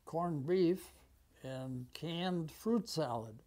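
An American man in his nineties with an aged voice, recounting memories conversationally and haltingly, with long pauses. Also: fairly high pitch, mellow. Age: 90s. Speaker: war veteran being interviewed. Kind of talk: conversational reminiscence. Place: small office, indoors. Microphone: lapel mic.

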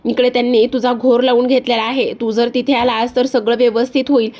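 A woman's voice: on the high side, little pitch movement, fairly quick, darkish tone, lightly acted. Woman reading as an urgent, reproachful man. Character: urgent man pleading with a son.

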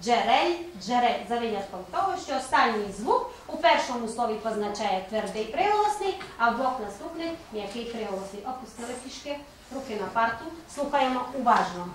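High-voiced woman teacher, echoey classroom. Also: expressive, fairly quick, recorded from a distance. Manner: patient, coaxing, praising pupils. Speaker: primary school teacher. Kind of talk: open classroom lesson. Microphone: distant camera mic. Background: faint room noise.

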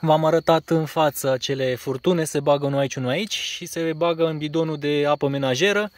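A man's voice: a little high, steady tone. A Romanian man casually showing his caravan outdoors, talking plainly with a few fillers while filming on a phone. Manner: plain, matter-of-fact, pauses with fillers. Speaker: caravan seller. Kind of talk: casual walkaround presentation. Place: outdoors on a grassy lot beside a caravan. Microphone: phone camera held by the speaker.

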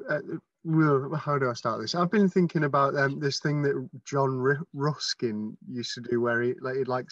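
A man's voice: medium pitch, no echo. Young guy on a webcam, lots of ums and uhs, muffled sound from far back. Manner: rambling, halting with many fillers. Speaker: audience member asking a question. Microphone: video call. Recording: dull, dry and distant webcam sound.

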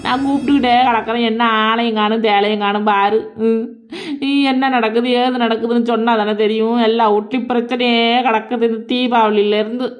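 A woman voicing an aggrieved young woman in a cartoon. She speaks, in a loud, pleading, complaining way. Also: high-pitched, a little slow. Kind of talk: animated cartoon voice acting.

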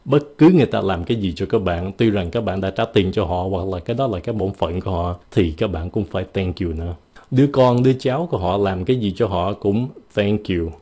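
Man from vietnam, english teacher, playful demonstrations, low voice, warm mellow tone. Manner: playful, demonstrates phrases with shifting intonation. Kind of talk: casual video lesson.

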